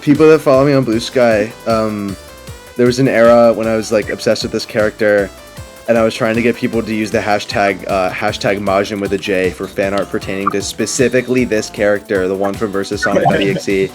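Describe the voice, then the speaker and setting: Over game music, a young gaming video host rambles through casual, chatty commentary with his friends. He speaks a little fast, his voice on the low side and steady in tone.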